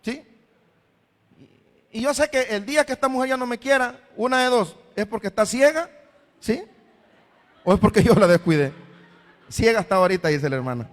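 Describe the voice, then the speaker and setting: The pastor here has a very high voice with lively intonation, speaking at normal speed and pausing often. Throughout his sermon in a church hall, recorded with long reverb, he calls listeners brother and asks the questions he pictures the congregation raising.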